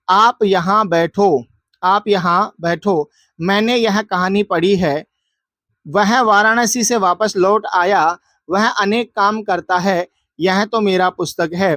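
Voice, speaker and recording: A man with a high voice goes through exam questions like a teacher. He poses each question aloud and answers it himself, repeating key words to drill them in. The sound is dry and close. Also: fairly bright tone, no echo. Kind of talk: exam answer walkthrough lesson.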